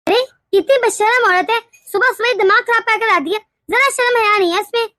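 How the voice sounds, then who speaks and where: Woman doing a very high-pitched nagging cartoon saas, shrill and taunting, bone-dry sound. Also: brisk, bright, forceful tone, dry recording. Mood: indignant. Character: scolding middle-aged mother-in-law, short-tempered and self-pitying. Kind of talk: animated cartoon dialogue.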